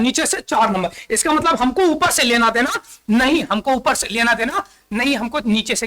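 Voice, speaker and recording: A man's voice: very high-pitched, pushed and bright. A male school chemistry teacher with a Bihari Hindi accent gives a video lesson, repeating key terms, asking questions back to his pupils and counting aloud as he writes. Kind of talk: classroom-style video lesson.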